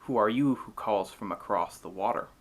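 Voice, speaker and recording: A man's voice: fairly low pitch, normal speed. A man voicing an insolent old ferryman in a myth retelling, mocking and provoking. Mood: challenging.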